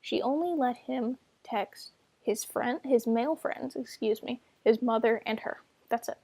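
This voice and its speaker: Young woman, twenties, vlog storytime, sarcastic and defensive, slightly high voice, heavy vocal fry. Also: measured pace, mellow, dry recording. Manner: sarcastic, defensive, many filler "like"s. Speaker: vlogger telling a personal story. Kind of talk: casual storytime monologue.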